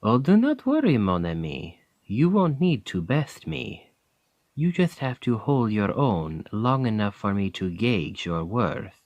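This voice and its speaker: A low-pitched, darkish male voice plays a veteran royal bodyguard with a French accent for an ASMR roleplay. The delivery is wry, probing and measured, heavily acted, and the recording is dry.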